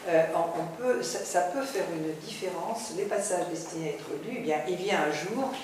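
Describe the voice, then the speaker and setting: A woman leading an academic seminar discussion, explaining deliberately and challenging a colleague. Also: fairly low pitch, lively intonation, darkish tone, far from the mic. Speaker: seminar lecturer. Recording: echoey room picked up from afar, noisy.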